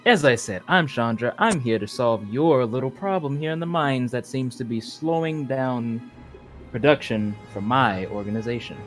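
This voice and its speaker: A man playing a cool, condescending dark-side woman. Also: mid-range voice, moderate pace, soft background music, lightly acted. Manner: smooth and condescending. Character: cool, menacing female dark-side agent.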